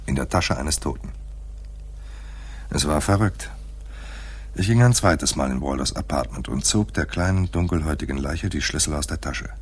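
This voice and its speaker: A man heavily acts the part of a hard-boiled private detective telling his own case in first-person narration for a noir radio play. The voice is very deep and husky, and the delivery stays laconic, dry and terse.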